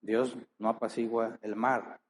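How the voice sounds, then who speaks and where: This sermon comes from a man whose voice sits on the low side and whose delivery is flat. He reads scripture, then presses the audience with many rhetorical questions, earnestly stretching out key words, over a little hiss or hum.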